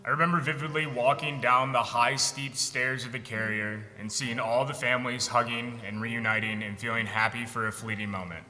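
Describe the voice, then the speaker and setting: A young American veteran from Michigan performs a frank, sardonic personal monologue on a theatre stage in an arts center. His medium-pitched voice barely moves in pitch, runs at a moderate pace with hardly any pauses, and has a sharp tone. The hall is reverberant, with music behind him and slight background noise.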